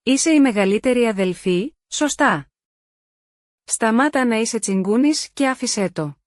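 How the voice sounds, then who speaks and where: A woman's voice: on the high side, lively intonation, no echo, clean studio sound, close to an everyday voice. A woman voicing a middle-aged mother who scolds her elder daughter in a read-aloud story. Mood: scolding. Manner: scolding, impatient.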